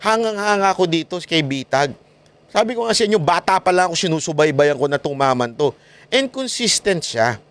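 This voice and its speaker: A man from the Philippines talks through political commentary on his vlog. His voice sits high and swings up and down constantly. He mocks his critics and breaks into laughter. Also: animated, fairly quick, a bit bright, dry recording. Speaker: political vlogger.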